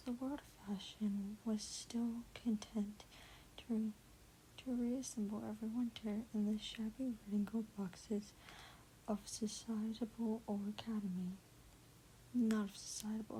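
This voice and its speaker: A woman reading a classic novel in a soft ASMR whisper, often stumbling over words, correcting herself and breaking off for chatty asides. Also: a little high, creaky, slight background noise, low-quality recording. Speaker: ASMR book reader.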